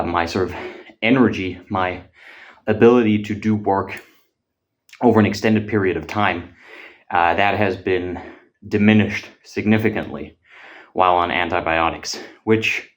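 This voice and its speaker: A fitness vlogger talking casually between gym sets. He is out of breath and speaks haltingly, with frequent filler pauses and casual swearing. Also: low voice.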